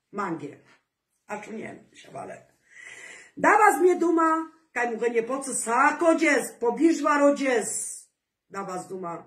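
A woman vlogger chatting casually to her viewers, animated, with sing-song calls and rising exclamations. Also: sits high. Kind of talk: casual chat to camera. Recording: roomy echo, voice from a distance.

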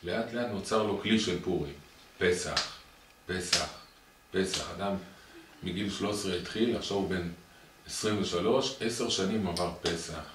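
A man teaching a Torah lesson as rabbi to a small group, animated and repetitive, often tossing questions back to his listeners. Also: low-pitched. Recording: echoey room, far from the mic, noisy.

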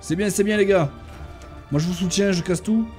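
A man giving casual gameplay commentary, talking to his tamed animals and bursting into excited shouts during fights. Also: high voice, fairly quick, faint music behind. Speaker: gaming YouTuber.

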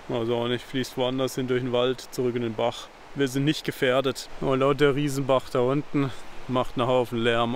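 A man's voice: a little high, a little hiss or hum. A man in his forties, a travel vlogger, talking casually and jokingly to a handheld camera at a forest campsite and in his camper van. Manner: chatty, jokey, talks to his camera and his teddy bears. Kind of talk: casual vlog narration. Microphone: handheld camera at arm's length.

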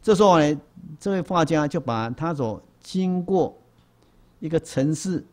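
A man, a Buddhist monk, lecturing in a hall and telling a long story with lively exclamations. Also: a little high, unhurried.

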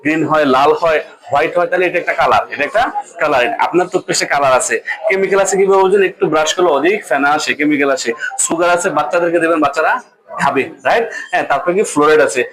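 A man's voice: fairly high pitch, quick pace, a crowd in the background, rough recording. A man giving a motivational seminar talk on network marketing, mixing in English words and asking the audience questions that he then answers himself. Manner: asks the audience rhetorical questions and answers them; mixes English words into his speech.

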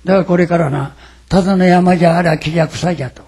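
A man's voice: on the high side, fairly even intonation, fast talker, darkish tone, slightly rough. An older man, giving a sermon as a religious lecturer and telling stories in a folksy, dramatic way. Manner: folksy, dramatic retelling with quoted voices. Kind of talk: storytelling sermon.

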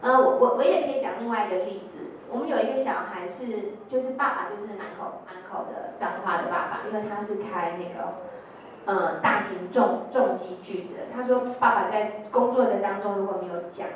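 A woman's voice: medium pitch, brisk, slight background noise. A middle-aged woman with a Taiwanese Mandarin accent, an educator telling stories in a workshop and acting out the quotes in them. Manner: storytelling, acting out quotes, tag particles. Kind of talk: lecture with told anecdotes. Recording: echoey hall, distant lo-fi sound.

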